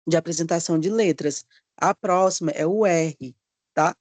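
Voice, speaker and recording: A man's voice: on the high side, no echo. Friendly man teaching letter sounds. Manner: drawn-out demonstrations of letter sounds; frequent checking tag questions. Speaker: literacy course instructor. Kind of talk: live online teacher training lesson.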